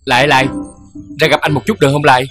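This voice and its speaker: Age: young adult. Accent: Southern Vietnamese. Figure: actor as an earnest suitor. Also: male voice, medium pitch, little pitch movement, racing, a bit bright, soft background music, lightly acted. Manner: earnest, pleading. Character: earnest young man courting a woman. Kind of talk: TV drama acting.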